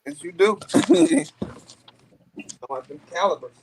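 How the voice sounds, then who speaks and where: Man, high voice, slangy casual replies, slight background noise. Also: huge pitch swings, slow pace. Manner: informal, slangy, laughs readily. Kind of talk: casual chat, short agreeing replies. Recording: clear background noise with clicks.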